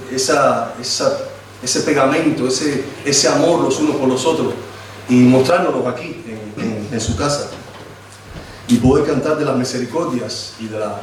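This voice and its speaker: This sermon with prayer comes from a Cuban-born lay preacher in his forties, whose mid-range voice carries a Cuban Spanish accent and an informal, hesitant delivery with many restarts. The distant mic in the echoey church hall picks up a little hiss or hum.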